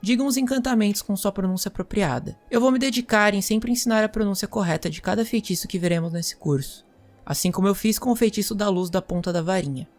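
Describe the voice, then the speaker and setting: A woman playing a magic teacher, lecturing students in a measured, explanatory way. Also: medium pitch, darkish tone, soft background music. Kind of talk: scripted role-play lecture.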